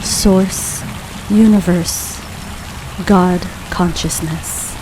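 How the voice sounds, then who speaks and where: Slow, calm woman guiding grounding meditation over rain. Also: on the low side. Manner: calm, soothing, unhurried with long pauses. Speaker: meditation guide. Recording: steady rain noise behind voice. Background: rain falling.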